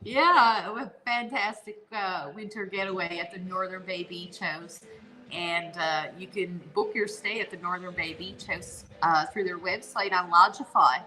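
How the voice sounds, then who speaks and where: In a low-quality recording, a fairly low-pitched woman speaks at a moderate pace, her voice pushed and bright. She's from Newfoundland, Canada, with the accent to match, and chats casually and enthusiastically as a guest co-host.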